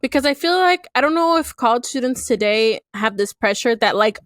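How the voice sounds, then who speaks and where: A young woman hosts a podcast in a casual, animated chat, full of jokey asides and laughter. Her voice sits high and bright in pitch. The sound is close and dry, with no room around it. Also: a little fast, dry recording. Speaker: podcast host.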